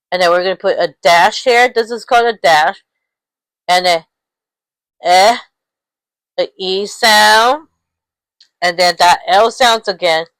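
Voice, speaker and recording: A woman's voice: medium pitch, a bit bright, no room sound, poor audio. A young adult woman teaching English letter sounds, repeating each one patiently and checking in with "okay?". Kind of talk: slow instructional talk on letter sounds.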